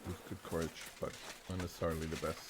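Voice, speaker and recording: A deep, low-pitched man streams a game and rambles to himself in easy, casual commentary, now and then cursing mildly. Bird calls and countryside game sounds run clearly under his voice. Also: little pitch movement, quick pace, noisy background. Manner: chatty, thinking aloud, mild cursing. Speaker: gaming streamer. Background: game sounds of birds and countryside.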